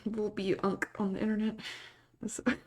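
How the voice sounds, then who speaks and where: A woman's voice: medium pitch, flat delivery, moderate pace, a little mellow. A young adult woman streamer casually chatting with her viewers, laid-back and often breaking into giggles. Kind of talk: casual live-stream chat.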